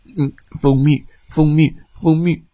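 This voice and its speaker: A man voicing a big clumsy cartoon bear doctor, bewildered groaning and mumbling, slow and breathy, in a storybook tale. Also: a little high, fairly even intonation, dark tone, dry recording.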